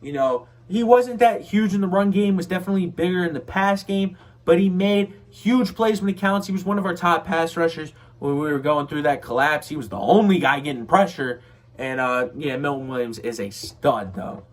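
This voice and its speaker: Young male sports host, high voice, hoarse from losing it, casual plain-spoken delivery. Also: moderate pace. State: losing his voice. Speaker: football commentator.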